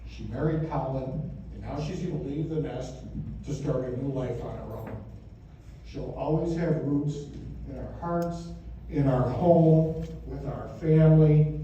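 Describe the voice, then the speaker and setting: An American man in his fifties or sixties delivers a father of the bride speech at a wedding reception, joking and conversational, building stories to emphatic punchlines. His warm, mid-range voice moves a little slowly, captured lo-fi from far off in a very echoey, noisy room.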